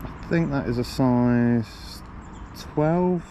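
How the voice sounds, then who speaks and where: A man's voice: mid-range voice, drawn-out words. A man vlogging outdoors by the water, casually talking through his fishing gear with lots of ums, and coughing now and then. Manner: relaxed, rambling, lots of ums and self-corrections. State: coughing a lot. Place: outdoors on a riverbank. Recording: outdoor recording with clear background noise.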